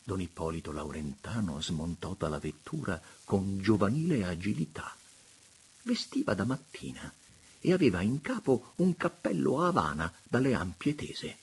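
A man reading a classic novel aloud as narrator, in a theatrical, measured, expressive manner. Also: low-pitched, husky. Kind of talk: audiobook reading of a literary novel.

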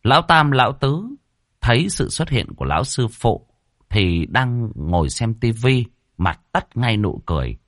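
A man narrating a comic ghost story in an expressive way. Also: medium pitch, a little slow, no room sound, clean studio sound.

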